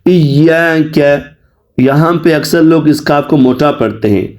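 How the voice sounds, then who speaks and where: A man teaching the rules of Quran recitation in a Pakistani Urdu accent, explaining plainly and reciting examples slowly. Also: fairly high pitch, a little mellow. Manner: clears his throat now and then.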